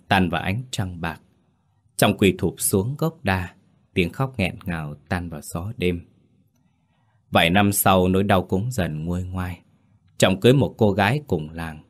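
A man reading scripted horror story narration in a slow, grave storytelling manner. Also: low-pitched. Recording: faint background music.

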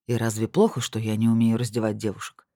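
A reader voicing a cocky young man who teases his girlfriend in a low, soft, smug tone, in an audiobook. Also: little pitch movement, quick pace, no room sound, clean studio sound, close to an everyday voice. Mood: teasing. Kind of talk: audiobook dialogue.

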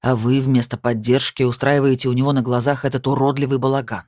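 A narrator voicing a calm, stern male medium who speaks slowly and gravely. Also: mid-range voice, dry recording, studio quality, lightly acted.

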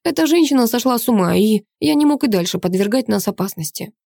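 A woman's voice: fairly high pitch, lively intonation, quick pace, gravelly, mellow, no room sound, clean studio sound, voice pushed up. A woman narrator voicing a harsh, domineering middle-aged father who speaks with cold contempt.

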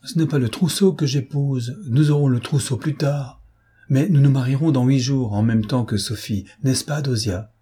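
A man reading an audiobook and voicing a calm young suitor who speaks gently and teases a little. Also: mid-range voice, moderate pace, husky, voice pushed up. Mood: firm cheerful. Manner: gentle, quietly teasing.

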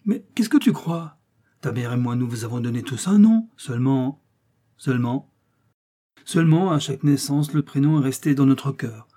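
A man voicing a hurried, impatient father mouse in a storybook reading. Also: medium pitch, expressive, dark tone, lightly acted. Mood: exasperated. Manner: brisk, impatient. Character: hurried, harried father mouse, busy worker.

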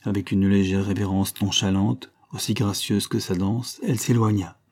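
A man reading a classic novel aloud in measured scripted narration. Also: fairly low pitch, fairly even intonation, a little mellow. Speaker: audiobook reader.

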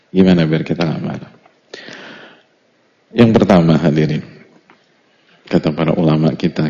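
A middle-aged man preaches in a low, gravelly voice with a dark, mellow tone, chatting casually through an Islamic lesson and tossing out rhetorical questions. Short Arabic phrases come first, then he explains them plainly. The recording is dull and lo-fi, with a long hall reverb behind every word. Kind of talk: casual religious study lecture.

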